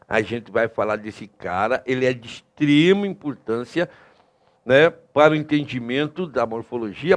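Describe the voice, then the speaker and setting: Lively, emphatic male grammar teacher. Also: medium pitch. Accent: Brazilian Portuguese. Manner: lively, emphatic, addresses students with many tag questions. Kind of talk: recorded online lesson.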